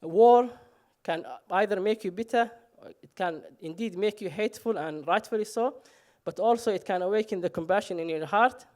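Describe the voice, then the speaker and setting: A man's voice: sits high, moderate pace, few pauses, darkish tone. A man from Somalia, telling a personal story on stage with self-mocking humor and frequent "uh" fillers.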